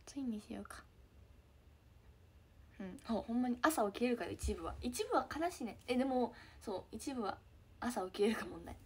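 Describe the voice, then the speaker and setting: A teenage girl with a Kansai accent chatting casually with fans on a live stream, giggly and trailing into soft murmurs. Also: on the high side, lively intonation, normal speed, long pauses, breathy edge. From Hyogo, Japan. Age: teens. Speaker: idol trainee streaming to fans.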